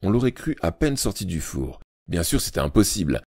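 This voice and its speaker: A man reading an audiobook aloud with expressive, dramatic storytelling narration. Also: low voice, fairly quick, husky, no room sound.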